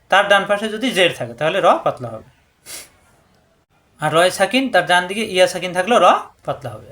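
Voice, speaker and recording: High-voiced man teaching Quran reading. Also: a bit bright. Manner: slow, repetitive drilling of syllables; explains rules step by step, addressing viewers. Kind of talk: tajweed lesson.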